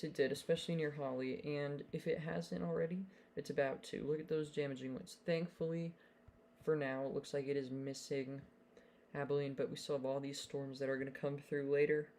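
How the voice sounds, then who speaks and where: A young man hosts a live weather stream from his home setup, chatting casually with fillers while issuing urgent storm warnings as live storm-coverage commentary. His voice is a little high and mellow, with a slight hiss or hum in the recording.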